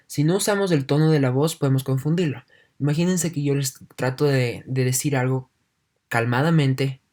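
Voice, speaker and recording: A male teacher delivering a recorded online lesson. He reads each point aloud and then unpacks it in everyday words. He keeps checking in with his students in a steady, patient explaining manner. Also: medium pitch. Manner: leans heavily on "entonces" and checks in with "¿no?". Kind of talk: online class lecture.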